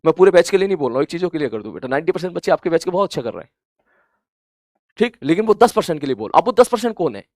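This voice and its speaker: A man teaching students in an earnest, gently scolding motivational talk, repeating points for emphasis and rising loud and high when he urges them on. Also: sing-song, rapid-fire, no room sound, studio quality. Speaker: coaching teacher.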